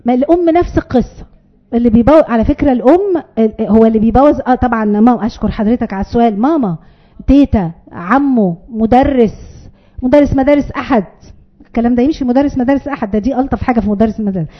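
Racing along in a slightly high voice, with highs cut off in the recording, a parenting educator speaks to an audience in an Egyptian Arabic accent. Emphatic and repetitive with key phrases, she plays out short parent-and-child dialogues.

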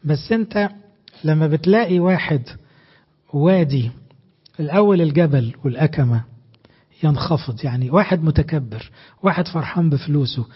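A man with an Egyptian Arabic accent preaching a sermon, emphatic and animated, asking his listeners rhetorical questions. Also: a little high, husky, dull audio.

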